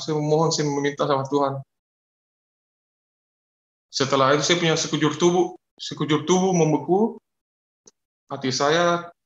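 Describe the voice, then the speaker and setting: A man tells his personal testimony in an earnest, confessional way, circling back over the same words. His voice sits a little high for a man. The audio is roomy and dull, with a lo-fi sound. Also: a bit bright, slight background noise. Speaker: testimony speaker.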